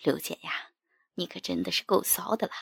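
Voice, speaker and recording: A woman putting on a husky, teasing young master. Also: fairly low pitch, steady tone, brisk, a bit bright, no room sound, whispered, studio quality, pitched below the performer's own voice, full character voice. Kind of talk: storybook character voice.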